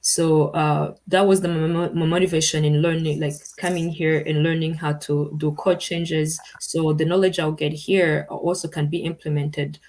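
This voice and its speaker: Young woman from Rwanda, PhD presenter, low voice, halting with fillers. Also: level tone, a little mellow. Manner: hesitant, many fillers, laughs off slips. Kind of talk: research presentation.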